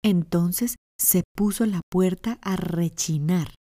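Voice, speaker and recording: A woman narrating a children's fairy tale in a gentle, expressive way. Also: lowish voice, slow pace, no room sound, clean studio sound. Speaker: storyteller. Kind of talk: children's storytelling. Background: faint music.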